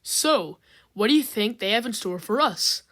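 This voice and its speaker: A woman's voice: a little high, lively intonation, moderate pace, a bit bright. A woman voicing an optimistic male map of a state with an eager tone. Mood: upbeat. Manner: upbeat, eager.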